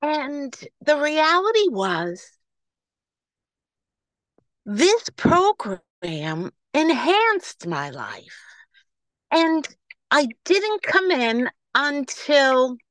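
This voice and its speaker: Slow-talking New York woman in her seventies. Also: high-pitched, very animated, no room sound, poor audio. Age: 70s. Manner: slow, warm-hearted, halting with restarts. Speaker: meeting speaker sharing her story. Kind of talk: personal testimony on a video call. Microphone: video call.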